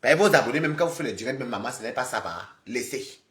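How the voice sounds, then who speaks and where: A man live streaming, scolding and lecturing his viewers in an animated, repetitive rant. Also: mid-range voice, quick pace, reverberant. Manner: scolding, animated, repeats himself, talks straight to viewers.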